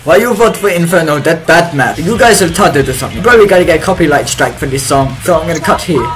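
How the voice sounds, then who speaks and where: A young streamer jokes his way through his own gameplay, putting on a broken-English foreign accent and breaking into loud, excited yelps. His voice sits on the high side and moves quickly, with soft music playing underneath.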